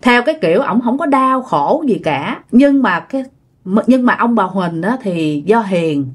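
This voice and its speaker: A woman's voice: medium pitch, expressive, measured pace, husky. A woman telling a ghost story in a chatty way, often addressing her listeners directly. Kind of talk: casual ghost-story narration.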